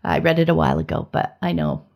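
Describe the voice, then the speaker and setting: A woman's voice: a bass voice, big pitch swings, fast, creaky, a little mellow. A woman co-hosting a podcast, talking casually in a rambling way and restarting her sentences often. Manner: rambling, with many "you know" fillers and restarts. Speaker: podcast co-host.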